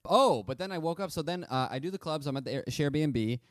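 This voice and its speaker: A man's voice: on the high side, quick pace, no echo, clean studio sound. A man co-hosting a podcast, telling a story in casual chat and acting out the quoted lines. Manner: animated, acts out quotes in put-on voices. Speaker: podcast co-host.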